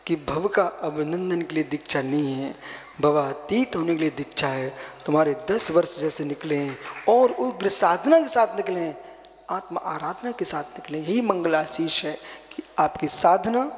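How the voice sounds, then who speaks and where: A man preaching a sermon as a monk, impassioned, swinging from quiet teaching to loud exhortation and slow chanting. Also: high voice. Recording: long hall reverb.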